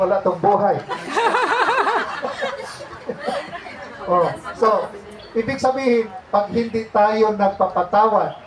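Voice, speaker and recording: A man's voice: sits high, echoey room, a little hiss or hum, poor audio. A man, a priest, giving a homily to a congregation in a conversational way, asking them questions and slipping in English phrases.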